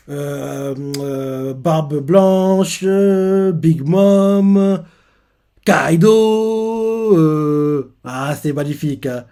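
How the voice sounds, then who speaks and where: A man's voice: on the high side, mellow. A man hosting a manga reaction, casually recapping a chapter in a hesitant way with many fillers and self-corrections.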